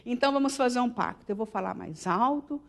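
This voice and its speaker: Brief: woman doing a quick-talking wife, Brazilian Portuguese accent, fairly high voice. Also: creaky. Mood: bargaining. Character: wife arguing with her husband, bargaining for calm talk.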